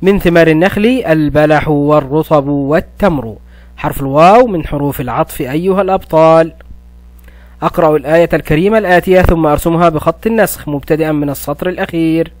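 A man teaching a primary school language lesson, praising the pupils often and slowing down to spell words syllable by syllable. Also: fairly high pitch, darkish tone, no echo. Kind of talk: recorded classroom lesson.

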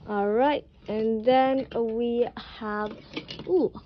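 A woman chatting casually as she sets up a dollhouse, with excited little exclamations. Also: on the high side, extremely slow. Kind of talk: casual toy play commentary. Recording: dull lo-fi sound with clear background noise.

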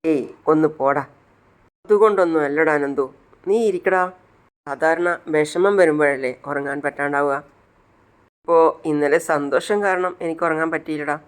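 A man's voice: a little high, moderate pace, pauses often, smooth, natural voice. A man voicing a determined, long-suffering middle-aged mother, speaking earnestly and with emotion. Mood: happy.

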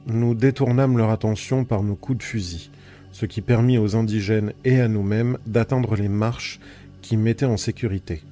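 Guy reading an adventure novel audiobook, kinda deep and warm, takes it slow and dramatic. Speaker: audiobook reader. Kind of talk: scripted audiobook narration. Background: soft ambient music.

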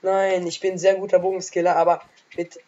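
A woman casually commentating her own game as a let's play gamer, trash-talking excitably, with a sore throat and frequent coughs. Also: fairly low pitch, a little fast, highs cut off.

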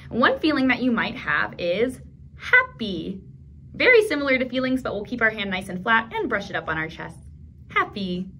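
This library storytime host, a woman in her thirties, speaks to toddlers and their grown-ups in a small indoor room, animated and encouraging, using simple, clear phrasing for little ones. Her voice sits on the high side at a normal speed. A faint hiss or hum runs under the audio.

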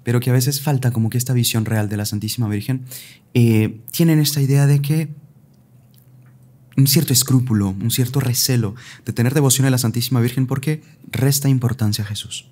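Friendly podcast host with mellow voice. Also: male voice, mid-range voice. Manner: friendly, posing questions, light laughter between phrases. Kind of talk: podcast interview.

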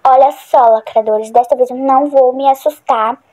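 A woman's voice: high voice, steady tone, moderate pace, a little mellow. A woman chatting casually through a horror game for her channel, rambling and easily startled. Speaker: gaming channel host. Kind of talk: casual gameplay commentary.

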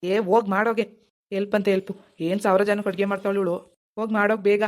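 A woman's voice: medium pitch, level tone, fast talker, a little mellow, close to an everyday voice. A woman voicing a lazy, bossy husband in a cartoon, who turns panicky when frightened. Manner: bossy, then panicky and pleading. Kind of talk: animated cartoon voice acting.

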